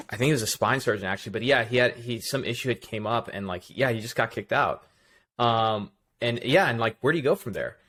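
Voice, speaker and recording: A man hosting a podcast interview, talking casually in a halting way, repeating words and restarting sentences. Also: mid-range voice, fairly bright tone, a little hiss or hum. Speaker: podcast host.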